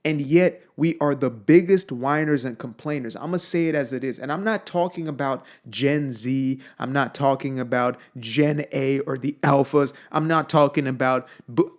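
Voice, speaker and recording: This young adult motivational speaker from Zimbabwe talks at a normal speed in a mid-range voice, barely pausing. He's forceful and direct, hammering key phrases through repetition.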